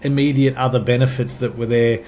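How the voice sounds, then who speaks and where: Male podcast host, halting. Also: medium pitch, steady tone, darkish tone, a little hiss or hum. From Australia. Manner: halting, with frequent restarts and repeats. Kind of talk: podcast interview conversation.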